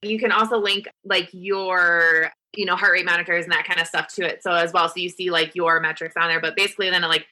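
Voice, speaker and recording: A woman's voice: on the low side, fairly even intonation, quick pace, hardly any pauses, bright, forceful tone, poor audio. A woman co-hosting a podcast, chatting casually and filling her sentences with "like". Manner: chatty, fills talk with "like". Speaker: podcast co-host. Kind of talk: casual chat.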